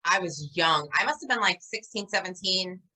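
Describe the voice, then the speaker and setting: A woman's voice: lowish voice, moderate pace, low-quality recording. A woman in her forties with a New York accent, co-hosting a casual chat and telling stories with lots of laughter. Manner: animated storyteller, laughs a lot. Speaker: podcast co-host.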